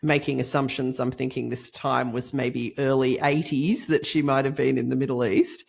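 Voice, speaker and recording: A woman hosting a podcast interview, casual and bubbly with quick reactions. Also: rumbling low, steady tone, gravelly, a little mellow. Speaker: podcast host.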